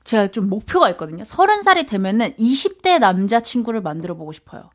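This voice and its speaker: A woman's voice: mid-range voice, very animated, fast talker. A woman in her twenties, guesting on a radio talk show and chatting playfully. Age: 20s. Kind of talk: casual radio chat.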